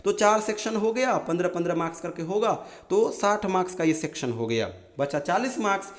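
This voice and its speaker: A young man teaching students about an exam's marking pattern, calling them friends and reading out lists of terms slowly. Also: high-pitched, expressive. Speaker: exam-prep teacher. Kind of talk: explaining an exam pattern to students.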